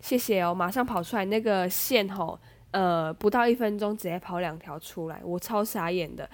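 A woman's voice: medium pitch, normal speed. Chatty young Taiwanese woman with a stuffy nose. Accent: Taiwanese Mandarin. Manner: chatty, animated retelling with many fillers. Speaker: podcast host. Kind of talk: casual storytelling monologue.

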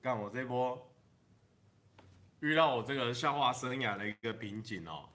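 A man with a Taiwanese Mandarin accent chatting casually on a livestream, rambling through jokes with drawn-out particles and chuckling at his own punchlines. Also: mid-range voice, sharp tone, faint music behind.

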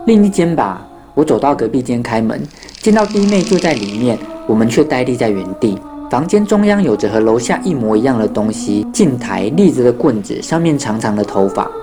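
A storyteller narrating a ghost story and acting out the children's lines in their own voices. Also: mid-range voice. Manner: acts out children's voices in dialogue.

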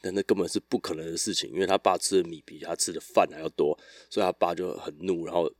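A man hosting a casual solo podcast, telling stories in a relaxed, rambling way with frequent restarts. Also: low-pitched, fast, no room sound. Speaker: podcast host.

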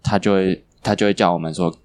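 A young man, chatting casually and telling animated stories, laughing often and swearing casually. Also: low voice, quick pace. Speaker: podcast guest. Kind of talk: casual chat. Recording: poor quality recording.

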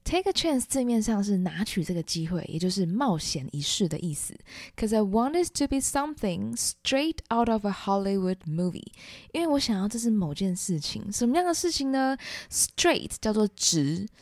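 A woman, teaching English through song lyrics in a playful, lively way, laughing often. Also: mid-range voice, normal speed, dry recording, studio quality.

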